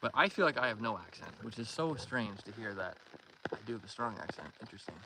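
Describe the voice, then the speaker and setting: A Canadian man with a lowish, animated voice talks fast, sounding pushed and bright, as he hosts a casual livestream from a canoe on a pond. He reads out viewer comments and answers them warmly, greeting and thanking people by name. The recording is noisy, with water and canoe sounds all around.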